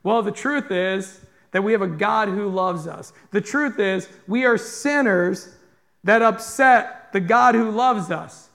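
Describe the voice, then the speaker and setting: A man's voice: high-pitched, slow, vocal fry, a bit bright. A male pastor delivering a sermon to a congregation, earnest and direct, often putting questions to his listeners. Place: church in front of a congregation.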